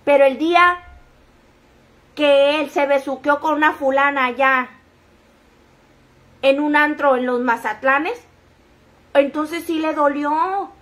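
High-voiced chatty woman gossiping. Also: slow, long pauses, fairly bright tone. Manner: chatty, acting out quoted dialogue with sudden outbursts. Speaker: gossip show host. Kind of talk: casual gossip commentary.

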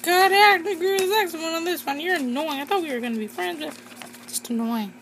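A woman's voice: very high-pitched, fast, background noise. A young woman voicing a cranky female object-show contestant in an amateur cartoon, whining and easily annoyed. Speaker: voice actor in a fan-made object show.

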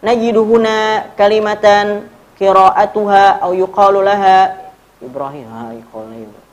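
A man's voice: high-pitched, normal speed, lo-fi sound. A young man with an Indonesian accent teaching an Arabic grammar lesson, explaining step by step and quizzing his students.

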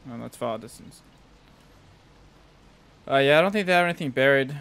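A man's voice: medium pitch, fairly quick, fairly bright tone, clean tone. A young man giving casual gameplay commentary in slangy, sweary frat-bro talk. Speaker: gaming video host.

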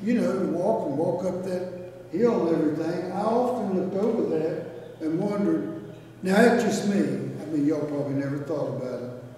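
A very echoey, distant recording carries an older man with a very dark, soft-edged voice. He speaks as a pastor at a graveside, folksy and plain, taking his time between phrases. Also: fairly high pitch. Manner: folksy, plain-spoken, unhurried with long pauses. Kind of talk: graveside funeral eulogy and sermon. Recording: echoey, noisy, captured from far off.

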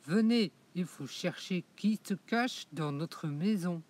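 Lady doing a big grumpy papa bear, low gruff grumbly voice, slow. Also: animated, darkish tone. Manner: grumbling, displeased.

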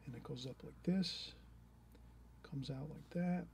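A middle-aged man leads a painting lesson, talking through his drawing in an encouraging, rambling way full of restarts. His creaky voice is on the high side and a little slow, with some hiss or hum in the recording.

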